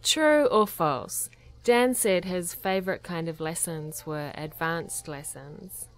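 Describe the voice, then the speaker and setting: A woman hosts a learners' quiz. She speaks very slowly and with care, and her voice sits somewhat low. Soft music plays faintly behind her. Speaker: host.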